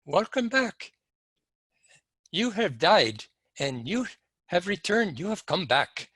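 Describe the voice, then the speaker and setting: A man voicing a calm male doctor in a retold story, speaking gently and reassuringly. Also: high voice, slow pace, husky, dry recording, studio quality, voice pushed up, full character voice.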